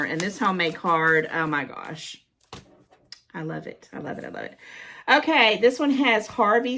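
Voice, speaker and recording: A woman with a somewhat low voice talks casually to her viewers as she opens cards. She is warm-hearted and openly emotional, chatting in a loose, rambling way. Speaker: haul vlogger.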